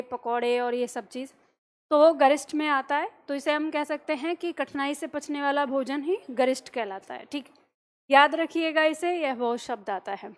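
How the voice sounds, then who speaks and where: A woman teaching an online class, explaining step by step, dictating notes slowly and asking the students questions she then answers herself. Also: sits high. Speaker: Hindi teacher.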